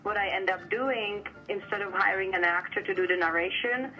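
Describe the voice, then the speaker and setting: A woman's voice: mid-range voice, normal speed, bright, forceful tone. A woman from the Republic, a filmmaker talking casually in a documentary interview, with lots of fillers. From Czech Republic. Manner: casual, hedging with filler words. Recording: dull sound with faint music.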